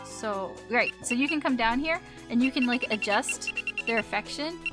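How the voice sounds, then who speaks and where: A woman's voice: a little high, expressive, moderate pace. A woman streaming a game, chatting casually, laughing often, and retelling scenes in silly mock voices. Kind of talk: casual let's-play commentary. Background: game music.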